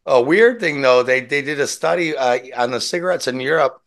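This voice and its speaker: A man's voice: medium pitch, brisk, vocal fry, a bit bright. A man chatting casually and telling rambling anecdotes with quoted dialogue and free swearing, talking while smoking a cigarette. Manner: rambling storyteller who swears freely and acts out quotes. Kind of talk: casual chat, animated anecdotes.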